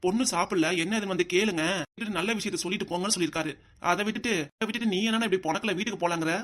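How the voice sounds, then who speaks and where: This is a gentle, caring village father in a cartoon family drama, voiced by an actor. He coaxes and soothes in a medium-pitched voice, and his words come out in a very fast rush. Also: natural voice. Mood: scolding. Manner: soothing, coaxing.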